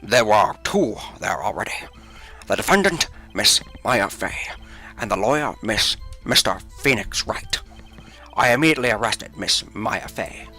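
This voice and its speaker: A man voicing an eager, blustering male police detective in a video game, loud and saying "sir" over and over. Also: lowish voice, sing-song, measured pace, soft background music, heavily acted.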